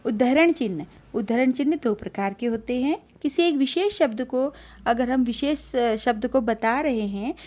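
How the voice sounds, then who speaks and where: A woman teacher giving an online lesson to children, explaining slowly and speaking to them directly, with a filler now and then. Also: high-pitched, darkish tone.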